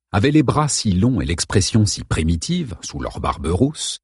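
A man reading a novel aloud as an audiobook narrator, in a steady, measured way. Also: fairly low pitch, slightly rough, no room sound, studio quality.

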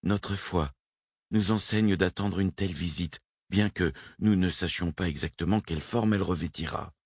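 A man reading the lines of a devout male cosmonaut, earnest and steady in his conviction. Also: deep voice, moderate pace, slightly rough, dry recording, studio quality.

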